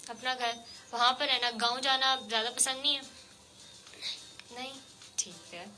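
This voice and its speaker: A woman hosting a radio show, interviewing a child guest with gentle, coaxing questions full of fillers. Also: high-pitched. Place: radio studio.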